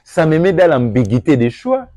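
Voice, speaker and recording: A young Congolese man with a Congolese French accent giving an earnest address to viewers, moving between calm reflection and emphatic appeals. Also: a little high, normal speed, no room sound, studio quality. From Democratic Republic of the Congo. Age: young adult. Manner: earnest, rising to emphatic, mixes French and Lingala. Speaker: political commentator.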